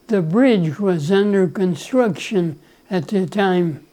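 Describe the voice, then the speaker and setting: A man in his nineties, originally from El Salvador and raised speaking Spanish, tells his life story very slowly. His voice is soft and mellow. He chuckles now and then and often clears his throat. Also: high voice, animated, low-quality recording. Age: 90s. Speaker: grandfather being interviewed. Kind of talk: relaxed life-story interview.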